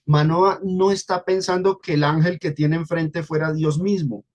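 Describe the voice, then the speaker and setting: A man's voice: on the high side, fairly even intonation, moderate pace. A man with a Colombian accent preaching a Bible study sermon to a congregation, explaining word by word and repeating key phrases for emphasis. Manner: teaching, addresses congregation as brothers, repeats and stresses key words.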